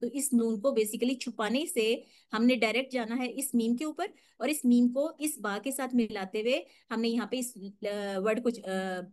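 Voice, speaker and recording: A woman's voice: a little high, fairly even intonation, darkish tone. Patient woman teaching Quranic recitation. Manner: patient, explains step by step, models slow drawn-out recitation. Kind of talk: online tajweed lesson.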